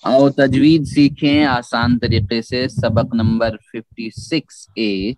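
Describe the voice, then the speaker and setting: A man teaching a Quran recitation lesson, repeating key phrases slowly and chanting Arabic verses as examples. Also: mid-range voice, fairly even intonation, darkish tone, a little hiss or hum. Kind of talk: Urdu tajweed lesson.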